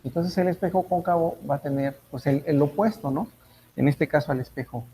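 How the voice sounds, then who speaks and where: A man's voice: fairly high pitch, a little fast, mellow, slightly rough, low-quality recording. Self-correcting male physics teacher. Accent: Mexican Spanish. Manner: thinks aloud, corrects himself, asks students checking questions. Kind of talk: online class lecture.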